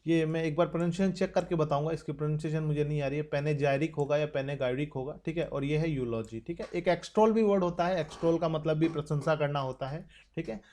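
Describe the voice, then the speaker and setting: A young man with an Indian accent gives an exam-prep vocabulary lesson. His voice is slightly high and warm, and he slows right down to read each English example sentence carefully. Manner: explains in Hindi, reads English example sentences slowly. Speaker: vocabulary teacher.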